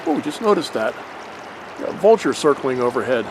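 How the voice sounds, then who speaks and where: A man's voice: mid-range voice, normal speed. Rambling man narrating a woodland hike. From Pennsylvania. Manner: relaxed and rambling, with frequent fillers and mild swearing. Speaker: nature vlogger. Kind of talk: casual hiking narration. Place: outdoors in the woods by a creek. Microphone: handheld camera. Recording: faint outdoor noise on a camera mic.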